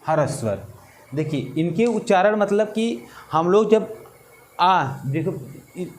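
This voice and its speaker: A man teaching an exam-prep lesson, slow and repetitive, drawing out vowel sounds. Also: high-pitched, expressive.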